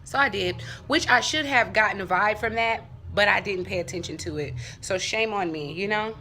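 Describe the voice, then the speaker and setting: This animated, swearing woman vlogger keeps things casual and funny as she tells her viewers a story, adding side remarks and playing out conversations. Her voice is mid-range and her speed is normal.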